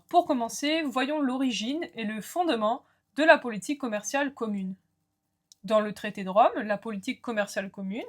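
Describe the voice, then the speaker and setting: A woman giving a recorded law lecture, explaining terms clearly and speaking to students in short asides. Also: on the high side.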